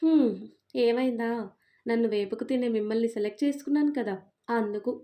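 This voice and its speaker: A woman's voice: fairly high pitch, fairly quick, lightly acted. A woman voicing a middle-aged mother who scolds with sarcasm but stays loving. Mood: sarcastic. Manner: sharp-tongued and sarcastic, then fond.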